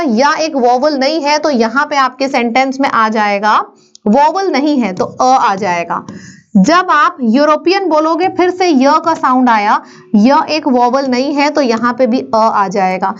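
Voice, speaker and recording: Teaching grammar online, a woman with a high voice leads a brisk classroom drill where she quizzes the students and answers each question herself. The sound is a little dull and lo-fi.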